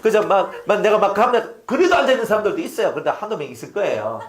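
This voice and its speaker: A middle-aged male pastor preaching. His voice sits high for a man and swings widely in pitch. He acts out quoted speech and keeps putting questions to the congregation. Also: lively intonation, fast talker. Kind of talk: sermon.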